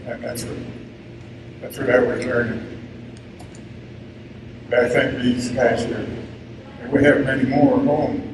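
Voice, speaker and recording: A man in his nineties giving an informal commemorative speech as an army veteran, plainspoken and halting, in short phrases. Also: medium pitch. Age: 90s. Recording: echoey, distant, noisy event PA recording.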